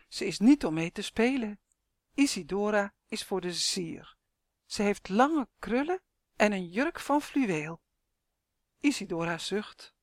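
Unhurried woman reading a children's story. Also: mid-range voice, no room sound, clean studio sound. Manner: expressive, unhurried.

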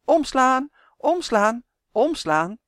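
A storybook reader voicing a brisk, practical dwarf girl who talks in a bossy, impatient way. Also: medium pitch, animated, no echo, studio quality, close to an everyday voice.

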